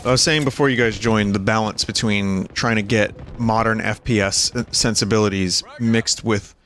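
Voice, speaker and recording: A man's voice: on the low side, fairly even intonation, moderate pace, fairly bright tone, a little hiss or hum. A man streaming a game, chatting casually in a wry, rambling way. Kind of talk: casual chat while gaming. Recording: game gunfire behind the voice.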